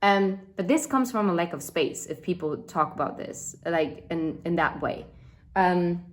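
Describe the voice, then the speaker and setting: A woman with a fairly low voice talks her way through a tarot spread. Her delivery is loose and chatty, full of fillers and side remarks. She speaks from a room beside a window. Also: unhurried. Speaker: tarot reader. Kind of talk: casual tarot reading.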